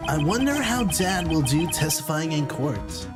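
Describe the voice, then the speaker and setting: A woman's voice: low-pitched, sing-song, measured pace. A woman giving casual playthrough commentary as a video game streamer. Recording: loud music behind the voice.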